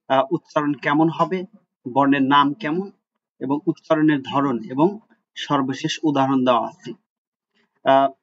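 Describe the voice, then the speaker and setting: A man's voice: a little high, no echo. A man teaching German letters in a screen-recorded lesson, patient, repeating each sound several times, with many "ah" fillers. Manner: frequent "ah" fillers. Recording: dull lo-fi recording.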